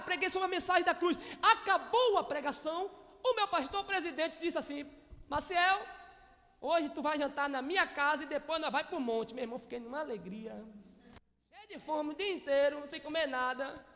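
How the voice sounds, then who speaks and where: A man's voice: extremely high pitch, bright, forceful tone. Man, Brazilian Portuguese accent, pastor, humorous testimony, long church-hall reverb. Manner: humorous storytelling, acting out dialogue. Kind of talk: preaching a personal testimony.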